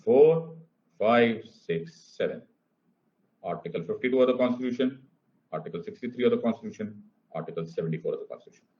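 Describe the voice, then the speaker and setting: A male teacher giving a classroom lecture in a mix of Hindi and English. He repeats key phrases, counts out loud and keeps checking whether the students follow. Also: lowish voice. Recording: dull lo-fi recording.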